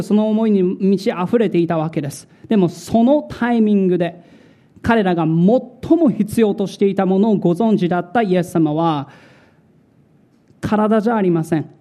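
A male pastor preaching a sermon in a slow, dramatic way, repeating words for emphasis. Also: sits high, dark tone.

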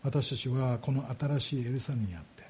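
A man's voice: mid-range voice, a little mellow, slight background noise. A man preaching a sermon as a pastor, explaining scripture and asking his congregation rhetorical questions. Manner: slows down heavily on key words.

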